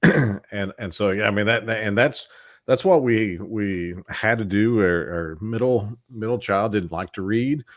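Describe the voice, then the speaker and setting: A man interviewing a guest, sharing a family story haltingly with many restarts. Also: fairly low pitch. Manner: brief agreeing replies, then halting with restarts.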